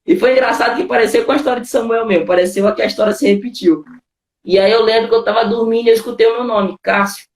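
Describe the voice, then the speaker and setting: A man's voice: very high-pitched, fairly even intonation, quick pace, reverberant. A man with a Brazilian accent, a pastor, telling his testimony in a casual conversation, full of informal fillers. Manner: informal storytelling, constant "cara" and "né" fillers.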